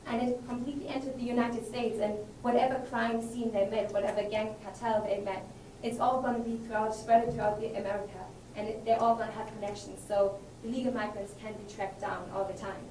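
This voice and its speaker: Young woman from germany, mellow voice, talks earnest and emphatic, roomy hall far from the mic. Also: fairly high pitch, fairly even intonation, fairly quick. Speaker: student presenter. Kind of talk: conference presentation. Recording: roomy hall, distant mic, faint noise.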